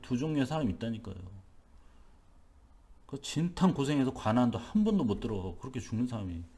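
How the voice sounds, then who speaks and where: In a church, a male pastor delivers an early-morning sermon, emphatic and repetitive, full of rhetorical questions. His voice is mid-range and mellow.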